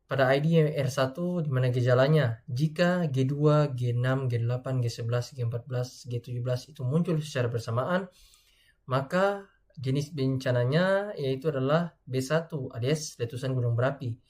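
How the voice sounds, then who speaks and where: A man's voice: medium pitch, normal speed, darkish tone. A young man from Indonesia giving a student class presentation, hesitating often and reading through lists of codes. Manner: hesitant, many filler sounds, reads lists of codes.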